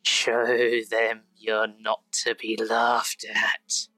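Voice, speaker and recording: Man putting on an oily, smarmy, slow-purring tempter. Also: on the low side, monotone, sharp tone, no echo, soft background music, full character voice, rough recording. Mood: oily coaxing. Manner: oily, insinuating purr, slowly drawn out. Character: mysterious smarmy tempter, grinning, yellow-teethed, coaxing to violence.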